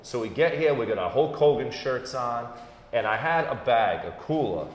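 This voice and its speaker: A man co-hosting a comedy talk show, telling a story in a relaxed, animated way and laughing as he acts out quotes. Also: medium pitch, normal speed. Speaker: comedian co-host. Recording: echoey room with faint hum.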